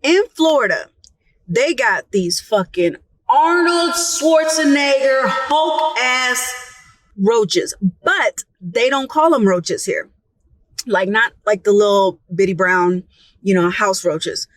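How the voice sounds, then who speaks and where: Young woman, casual storyteller. Lively pitch, unhurried delivery, dry close sound. Profane and animated, acting out every quote. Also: no echo, rough recording. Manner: animated, profane, acts out quotes with gasps and whispers. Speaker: storytime vlogger. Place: Florida.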